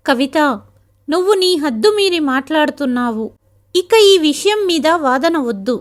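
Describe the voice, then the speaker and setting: A woman's voice: sits high, lively intonation, moderate pace. A woman reading the lines of a stubborn, short-tempered young husband in a spoken family story, curt and defiant. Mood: stern.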